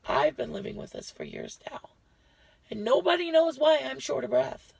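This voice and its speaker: Woman, vlogger, very gravelly voice, close dry sound, chatty and rambling, a bit short of breath. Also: high voice, expressive, normal speed, no room sound. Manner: chatty, rambling, self-correcting. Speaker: lifestyle vlogger. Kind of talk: casual health update to viewers.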